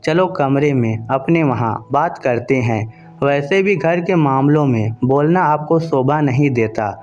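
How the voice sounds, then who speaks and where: A man's voice: medium pitch, animated, measured pace, a little mellow, lo-fi sound, natural voice. A man voicing a scheming older mother-in-law who gets flustered. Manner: flustered, stammering.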